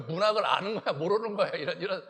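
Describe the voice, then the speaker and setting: A male pastor preaching a Sunday sermon in an animated way, acting out quoted lines in a hushed voice. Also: high-pitched, brisk.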